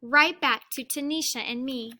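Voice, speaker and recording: A woman with a voice that sits high shares a children's story the way teachers do at storytime. She reads deliberately and expressively, chatting in asides with her young listeners.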